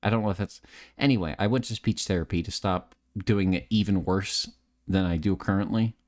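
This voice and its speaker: Quick-ish and low, with a darkish tone, this man streams late into the night, chatting candidly. He curses freely, jokes about himself, and keeps repeating words and restarting sentences.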